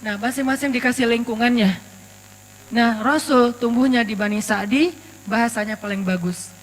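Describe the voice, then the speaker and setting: High-pitched male preacher, casual storytelling sermon; long reverb and a faint mains hum. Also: steady tone, normal speed. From Aceh, Indonesia. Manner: chatty, storytelling, joking asides.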